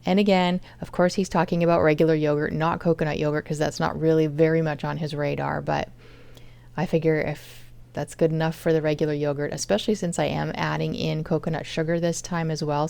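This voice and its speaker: A woman's voice: low-pitched, level tone, brisk, gravelly, a little mellow, smooth. A woman casually narrating her home cooking vlog, explaining each step as she goes. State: chronic fatigue.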